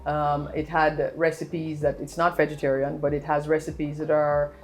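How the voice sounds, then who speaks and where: This middle-aged woman talks as a guest in a relaxed interview, measured and thoughtful, with a few ums along the way. Her voice is notably low for a woman. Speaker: guest, restaurateur and cookbook author. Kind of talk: casual conversational interview.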